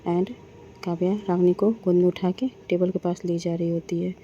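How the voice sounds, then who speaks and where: A woman telling a romance story in a plain, steady manner. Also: on the low side, moderate pace. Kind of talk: story narration. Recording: dull lo-fi with faint noise.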